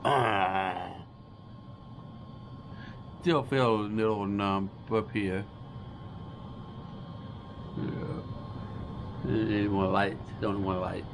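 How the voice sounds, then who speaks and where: A deaf man in his forties vlogging to camera in slow, halting speech, restarting phrases as he talks. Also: on the low side, steady tone, noisy background. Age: 40s. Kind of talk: casual vlog talk to camera. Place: small dim room with a starry backdrop. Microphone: camera close in front of face.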